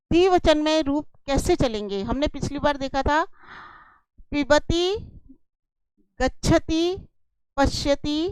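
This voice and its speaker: A woman teaching a Sanskrit lesson in a slow, deliberate way, patiently repeating each example and explaining it. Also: high voice, dry recording, rough recording.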